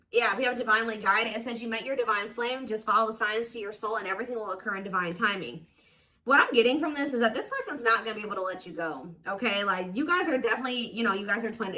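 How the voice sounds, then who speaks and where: A woman gives viewers a casual, intuitive tarot reading as host, talking informally and with emphatic confidence. Her voice is a little high, pushed and bright.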